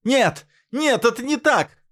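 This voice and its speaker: A man playing a shrill, hysterical young woman. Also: animated, takes it slowly, a bit bright, full character voice. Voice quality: shrill, cracking cries.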